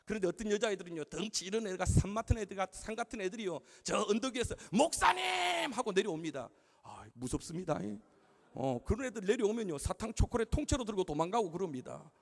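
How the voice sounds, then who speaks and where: A middle-aged pastor preaches quickly and energetically, his high voice leaping up and down as he tells stories. His sermon rings out with long reverb in a large chapel. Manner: animated storytelling with comic acted-out dialogue.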